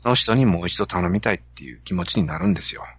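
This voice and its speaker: A man with a Kansai accent hosts a podcast, telling an animated story to make a business point. His voice sits low, a little husky, with lively swings in pitch. The sound is dry and somewhat dull. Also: quick pace, no room sound. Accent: Kansai Japanese. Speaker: podcast host. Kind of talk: casual podcast talk.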